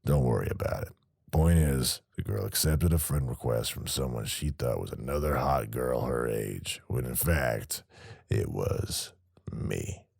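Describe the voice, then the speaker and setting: A man's voice: extremely low pitch, expressive, measured pace, creaky, darkish tone, husky, no room sound, clean studio sound, pitched below the performer's own voice, heavily acted. A man voicing a crude, menacing male small-time criminal in an audiobook, swearing and sneering. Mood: smug. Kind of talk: audiobook character voice.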